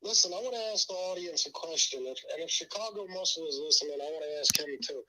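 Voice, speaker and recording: A man's voice: on the high side, fast talker, a crowd in the background, poor audio. A middle-aged man calling in over a speakerphone, blunt and profane, his mouth numb from the dentist. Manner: blunt and profane, repeating himself. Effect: heard over a speakerphone. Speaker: caller. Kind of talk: casual call-in chat.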